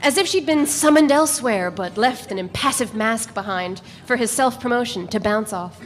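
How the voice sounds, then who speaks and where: Speaking a little high and at a moderate pace, a woman performs a first-person narrator's part in a dramatic novel reading. Faint noise sits under the echo of the hall around her.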